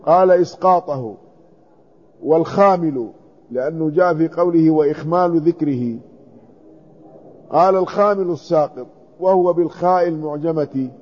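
A man's voice: fairly high pitch, moderate pace, long pauses, darkish tone. A man teaching a hadith commentary lesson, reading a passage aloud and then explaining each word. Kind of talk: classical text commentary lesson. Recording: dull lo-fi recording.

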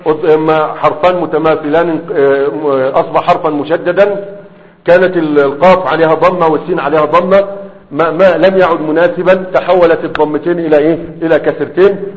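Egyptian man teaching grammar, echoing room. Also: on the high side. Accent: Egyptian Arabic. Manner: keeps checking in with rhetorical questions to the class; pauses often with drawn-out fillers while writing. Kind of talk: explanatory grammar lesson. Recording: dull, reverberant classroom-style recording.

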